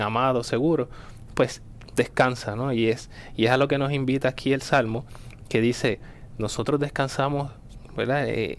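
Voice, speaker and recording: A man with a middle-pitched voice talks loosely on a radio show, reflecting on faith. He strings thoughts together with many fillers and short chuckles. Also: slight background noise. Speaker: radio co-host. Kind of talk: casual reflective radio talk.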